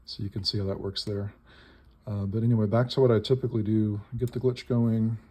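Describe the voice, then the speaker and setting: A man with a lowish, dark voice and a breathy edge talks a little fast in a flat delivery while demonstrating a modified electronic instrument. His casual, hands-on explanation comes in short, tentative fragments. The very noisy recording has device buzz and clicks, plus background electronic toy noises and button clicks.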